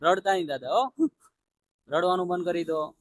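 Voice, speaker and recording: A man stands by a roadside hosting a charity video, where he reassures his interviewee gently and makes a heartfelt plea to the audience. He speaks at a moderate pace with a high-sitting, animated voice, captured in a dry recording.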